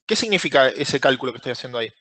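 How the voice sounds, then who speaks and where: A man's voice: mid-range voice, expressive, rapid-fire, sharp tone, dry recording. Rioplatense man teaching a live class. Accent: Rioplatense Spanish. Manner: asks the class questions and praises answers by name. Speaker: Excel course instructor. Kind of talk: live online class, explaining step by step.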